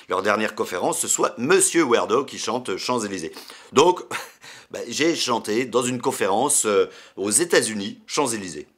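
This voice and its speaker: A man's voice: mid-range voice, fairly bright tone. A man from France talks casually to camera in a vlog, chatty and stumbling, repeating words between many fillers. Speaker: YouTuber.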